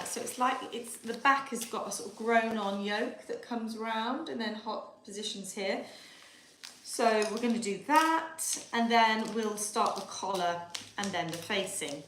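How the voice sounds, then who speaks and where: A woman's voice: medium pitch, fairly bright tone. A woman with a Yorkshire accent hosting a live sewing tutorial from her kitchen, chatting and thinking aloud as she works. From Yorkshire, England. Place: home kitchen. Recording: echoey kitchen with background noise.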